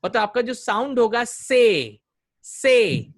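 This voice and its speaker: A man leads a vocabulary class at a very unhurried pace. He sounds out each word several times so students can copy the stress. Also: very high voice, big pitch swings. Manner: slow, drills pronunciation by repeating words. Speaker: communication coach.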